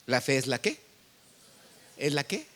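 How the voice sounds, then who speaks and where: A man's voice: medium pitch, wildly swooping pitch, unhurried, a bit bright. A man with a Mexican accent preaching a sermon as pastor, telling stories in a conversational way and quizzing the congregation.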